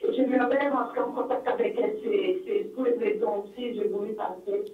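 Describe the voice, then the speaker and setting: A woman calling in to a radio show, speaking in an earnest, halting way with many pauses. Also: medium pitch. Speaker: caller. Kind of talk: call-in radio chat. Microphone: telephone. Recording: echoey tinny phone line from far off.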